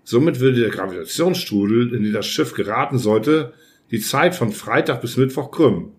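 Man, audiobook narration, measured, mid-pitched voice, first person. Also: expressive. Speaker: audiobook reader.

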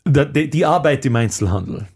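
A man in his thirties co-hosting a relaxed podcast. His pitch sits in the middle range. He talks bluntly, swears often and tells long stories. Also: a little fast, breathy edge. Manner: blunt, swears freely, storytelling. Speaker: podcast co-host. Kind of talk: casual chat.

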